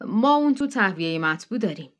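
A jovial, heavyset farmer offering drinks, as a woman narrator puts him on. He sounds hearty and offhand. The lines come louder than the narration. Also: medium pitch, expressive, natural voice. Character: fat sweaty jovial farmer man.

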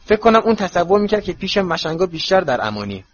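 A man voicing a blunt, excitable teenage boy in a storybook reading, in a slightly muffled recording with faint hiss. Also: high voice, husky, pitched above the performer's own voice, exaggerated voice. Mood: defensive. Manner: blurting, defensive.

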